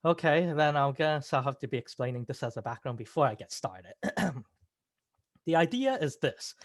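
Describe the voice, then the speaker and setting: A man giving a prepared speech over a video call, halting and correcting himself, clearing his throat. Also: fairly high pitch, expressive, no echo, clean studio sound. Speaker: club member giving a speech.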